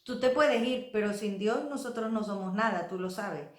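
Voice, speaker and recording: A woman's voice: mid-range voice, moderate pace, roomy sound. A woman preaching a sermon in a church, earnest and pleading, acting out the voices she quotes. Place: church hall.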